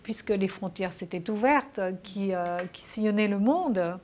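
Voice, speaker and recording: A woman's voice: mid-range voice, animated, a little slow, darkish tone, slight background noise. A woman answering interview questions in a casual, hesitant way, with many fillers and restarts. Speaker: interview guest.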